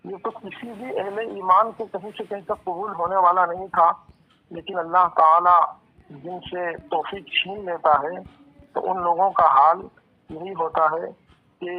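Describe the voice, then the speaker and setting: A man calling into a religious debate, insistent at first and then arguing his case in a measured, pointed way. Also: sits high, slightly rough. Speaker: debate opponent on a call. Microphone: phone. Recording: tinny phone line.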